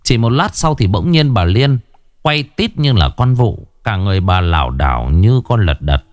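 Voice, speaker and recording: A man narrating a horror story in a dramatic, lively storytelling manner. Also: lowish voice, normal speed, dry recording, studio quality.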